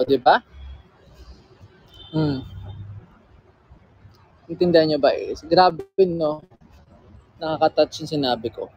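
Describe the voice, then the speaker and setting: A man's voice: fairly high pitch, poor audio. A man chatting casually with fans on a livestream, teasing and reading their comments aloud, with a slightly sore throat. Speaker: livestream host.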